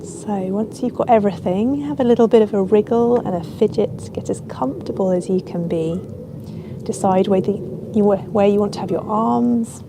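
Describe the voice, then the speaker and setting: A yoga nidra teacher with a medium-pitched voice guides a relaxation session, speaking softly, gently, and without hurry. Ambient sound surrounds her, and there is background noise.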